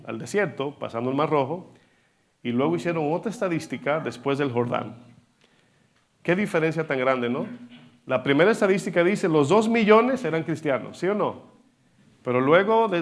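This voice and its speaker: A male pastor preaching a sermon, animated and asking the congregation rhetorical questions. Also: fairly high pitch. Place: church hall.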